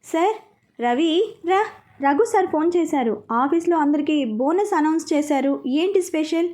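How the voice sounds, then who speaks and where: A woman's voice: sits high, expressive, moderate pace, dark tone, voice pushed up. Woman doing a cheeky young office assistant. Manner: teasing, cheeky.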